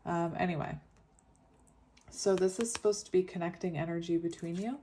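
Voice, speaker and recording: A woman with a fairly low, soft-edged and mellow voice talks through a tarot reading. Her s sounds come out slushy, with a lisp from a retainer. She is informal and reflective, wandering from thought to thought. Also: fairly even intonation, moderate pace, slight background noise. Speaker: tarot reader. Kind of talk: casual pick-a-card tarot reading.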